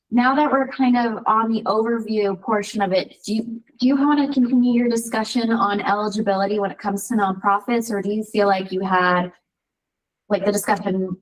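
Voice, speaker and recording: Meeting lead, woman, organized, heard through a far-off room mic with an echoey, distant sound. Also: mid-range voice. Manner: organized, running the agenda. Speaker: meeting facilitator. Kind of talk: video call meeting. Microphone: room mic far from the speaker.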